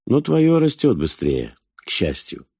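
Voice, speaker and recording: A man voicing a teasing seventeen-year-old girl weaver in a storybook reading, her lines wry and gently mocking. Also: on the low side, huge pitch swings, unhurried, creaky, slightly rough, no room sound, studio quality, voice pushed up, heavily acted.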